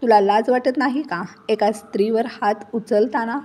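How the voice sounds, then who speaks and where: A fierce, protective older mother-in-law from a storybook, tearful yet indignant, voiced by a woman narrator. Her voice rides slightly high with emotion held close. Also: normal speed, a little mellow, natural voice.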